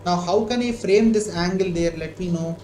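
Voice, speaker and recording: A man's voice: high voice, normal speed, dark tone. A man with an Indian accent teaching a live online maths lesson, working a problem aloud, repeating himself and asking checking questions. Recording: echoey room with clear background noise.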